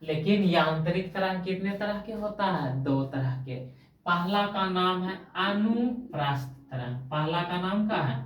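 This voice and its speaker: A woman's voice: lowish voice, expressive, unhurried. A woman teacher with a Magahi-tinged Bihari Hindi accent, teaching a coaching-class science lesson in a colloquial, homely way, quizzing the class with call-and-response questions. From Bihar, India. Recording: echoey room, voice far from mic.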